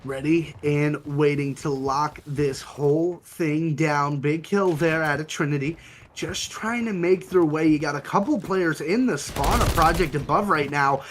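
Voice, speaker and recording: A young man casting an esports match, giving fast and excited play-by-play. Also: a little high, a little hiss or hum. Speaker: esports caster. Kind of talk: play-by-play commentary.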